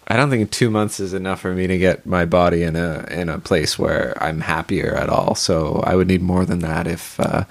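A man with a very deep voice and a heavy gravelly fry co-hosts a casual podcast. He teases his partner and makes crude jokes in relaxed chat. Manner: teasing, quick with crude jokes. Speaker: podcast co-host.

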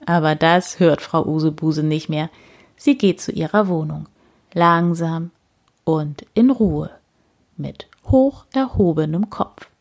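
A woman reading a children's story aloud, slow and expressive with deliberate repetition. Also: deep voice.

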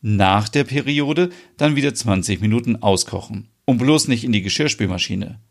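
A man voicing a calm, explaining young woman. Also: on the low side, normal speed, vocal fry. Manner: patient, explaining. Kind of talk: storybook reading.

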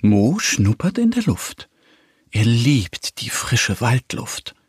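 A man reads a children's bedtime story aloud, slowly and with a lot of lift and fall in his voice. His voice is slightly husky, and the recording is dry and close. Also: medium pitch, dry recording. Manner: lively, unhurried storytelling.

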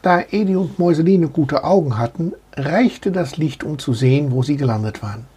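A man reading a children's story aloud in an expressive, animated way. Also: a little high, normal speed, husky.

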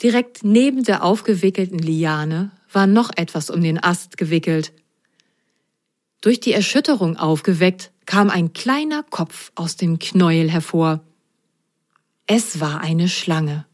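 A woman reading a children's bedtime story aloud, with a slow, clear storybook delivery. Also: on the low side, expressive.

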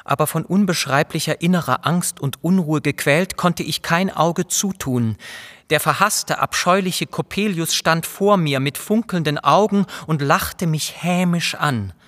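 A male storyteller reads a classic tale aloud in a slow, dramatic, first-person way. His voice sits fairly high for a man. A long reverb surrounds every word, as in a large hall. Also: fairly bright tone. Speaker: reader. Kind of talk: audiobook reading of a classic tale.

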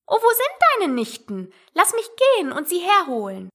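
A woman's voice: very high voice, huge pitch swings, moderate pace, a bit bright, voice pushed up, exaggerated voice. A woman voicing a curious, polite young girl who talks eagerly and earnestly.

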